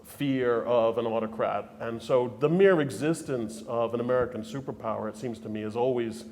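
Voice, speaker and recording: A man of middle pitch answers from a panel, talking conversationally and often restarting his sentences. The sound carries a long hall reverb. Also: moderate pace, a little mellow. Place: lecture hall.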